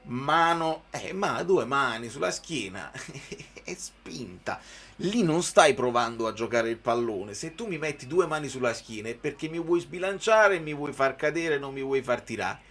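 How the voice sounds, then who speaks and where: A man's voice: mid-range voice, expressive, measured pace, a bit bright. A man giving live football commentary mixed with informal, conversational chat to viewers.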